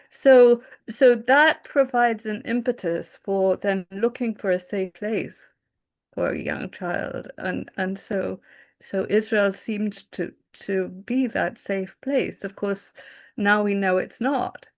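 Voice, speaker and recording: Slow, reflective woman guest with fry. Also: mid-range voice. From England. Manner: reflective and thoughtful, searching for words. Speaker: interview guest. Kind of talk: conversational interview.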